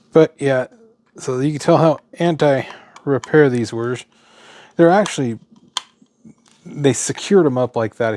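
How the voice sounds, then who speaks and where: In a dry recording, a medium-pitched American man with a darkish tone hosts an electronics teardown at an indoor workbench, muttering short, trailing, unscripted asides. It's a clearly noisy home setup, and he occasionally goes off-mic.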